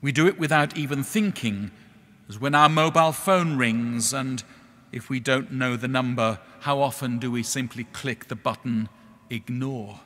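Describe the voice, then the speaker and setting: A middle-aged man preaching a sermon in a measured, earnest way, pausing slowly on key words. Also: mid-range voice, bright, forceful tone. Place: church. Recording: echoey church hall.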